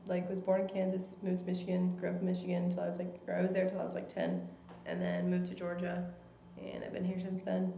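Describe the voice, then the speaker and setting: Brief: young woman, mellow and monotone with vocal fry, casual filler-heavy speech, roomy echo. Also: on the low side, fast, few pauses, a little hiss or hum. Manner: casual, lots of 'like'. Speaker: interviewee. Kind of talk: casual interview answers. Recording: echoey room.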